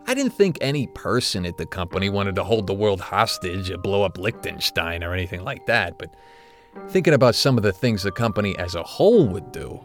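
An actor portrays a retired, conscience-stricken corporate executive, an older man reminiscing in a documentary interview with a troubled, reflective mood. His low-pitched voice is very animated and fairly quick, with faint music in the background.

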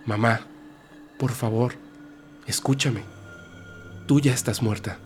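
A man's voice: medium pitch, steady tone, takes it slowly, soft background music, close to an everyday voice. A man voicing a young girl who firmly pleads with her mother's ghost in a spoken horror story. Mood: firm, imploring. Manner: firm, imploring.

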